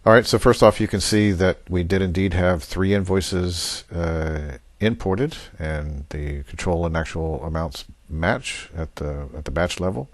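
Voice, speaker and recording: A man gives an unscripted, matter-of-fact walkthrough of software on a screen recording, demonstrating methodically one step at a time. His voice is low-pitched and a little slow, with hardly any pauses. There is no room sound.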